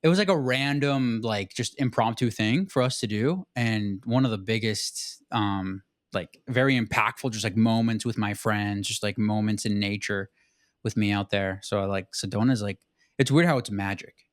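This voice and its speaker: A man's voice: on the low side, moderate pace, dry recording, clean studio sound. A young man from southern Arizona hosting a podcast in a laid-back, casual way, saying "dude" and "like" a lot. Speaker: podcast host. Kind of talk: casual conversation.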